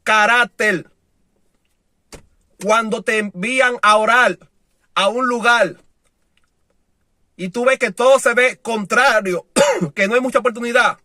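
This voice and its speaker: A man preaching a sermon with passion, moving between loud declarations and soft, low lines, and acting out the voices of people he quotes. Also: takes it slowly, long pauses, no echo.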